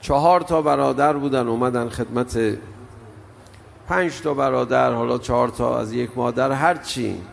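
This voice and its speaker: Gravelly and medium in pitch, an older preacher recites a mourning elegy, his emotional storytelling rising and falling in intensity. A long hall echo and faint background noise surround him.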